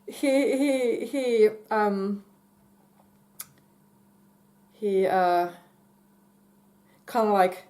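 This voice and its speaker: Slow, halting woman telling a story. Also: mid-range voice, dark tone. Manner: hesitant, halting, many fillers and restarts; giggly, breaks into laughter. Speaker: vlogger. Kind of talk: casual personal storytelling.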